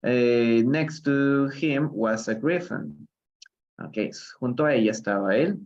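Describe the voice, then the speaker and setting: A man's voice: mid-range voice, slow, a little mellow, lo-fi sound. A man from Peru teaching English in a live online reading lesson, patiently explaining step by step and switching between Spanish and English.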